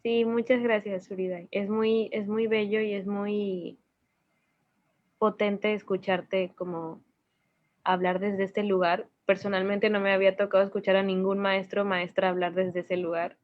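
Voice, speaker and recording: A woman's voice: mid-range voice, flat delivery, measured pace, no room sound, narrow, tinny audio. A woman with a Venezuelan accent, speaking thoughtfully with some hesitant restarts in an interview. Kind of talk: casual video-call interview.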